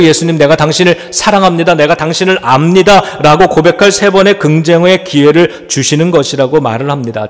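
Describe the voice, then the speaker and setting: Male pastor, earnest reflective sermon, fairly high voice, long church reverb. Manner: earnest, reflective preaching with rhetorical questions.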